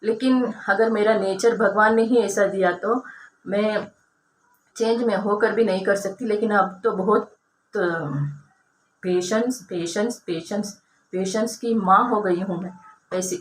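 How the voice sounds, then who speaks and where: A woman vlogger whose first language is Kannada tells childhood stories in a casual, rambling way, with many fillers and restarts, and grows lively at times. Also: medium pitch, measured pace. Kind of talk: casual storytelling of childhood memories. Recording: roomy echo, faint ambient noise.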